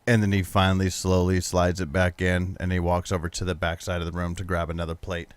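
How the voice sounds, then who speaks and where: A man's voice: low voice, monotone, brisk, clear, resonant tone, no room sound. A man narrating a tabletop role-playing game casually as game master.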